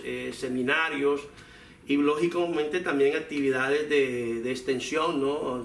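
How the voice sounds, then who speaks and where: A man speaking as an academic in an interview, explaining discursively with many filler phrases. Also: medium pitch. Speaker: academic researcher being interviewed. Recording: echoey room, distant mic, faint noise.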